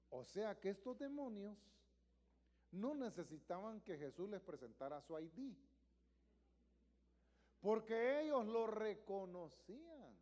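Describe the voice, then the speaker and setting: A male pastor preaching a live sermon in a church, emphatic and repetitive, swelling to loud exclamations. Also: high voice. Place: church sanctuary. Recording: long reverb of a church hall.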